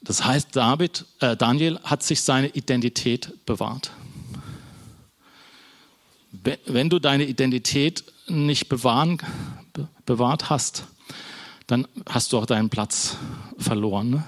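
A man's voice: medium pitch, unhurried, pauses often. A man preaching an informal sermon in a church hall, talking to the congregation in a casual, conversational way. Almost every phrase ends with a questioning "ne?", and he often stumbles, restarts and corrects himself mid-sentence. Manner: conversational, keeps adding a questioning "ne?"; false starts and self-corrections.

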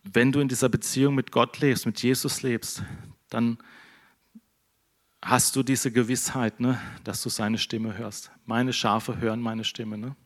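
A middle-aged man preaching a relaxed, conversational sermon and tagging his sentences with a questioning "ne?". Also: medium pitch, unhurried. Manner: conversational, keeps adding "ne?". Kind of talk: casual sermon.

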